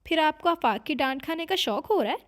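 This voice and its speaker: A cool, aloof young man with a sarcastic tongue, voiced by a woman in a high voice as she reads a romance novel. His remarks come out dry and cutting. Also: lively intonation, fairly quick.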